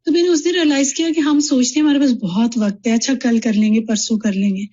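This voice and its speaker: A high-pitched woman speaks earnestly in a religious class discussion, sharing a story as a student and dropping English phrases into her talk. Her tone is mellow and warm. The recording is dull and lo-fi.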